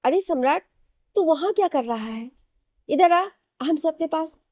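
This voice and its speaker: A loving old grandmother scolds her family fondly in a storybook tale, as a woman narrator puts her on. Her voice rides up high and pushes out a little louder than the narration around it. The sound is dry and close, with a mellow tone. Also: animated, measured pace, no room sound. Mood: fond scolding. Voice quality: fond, chiding tone.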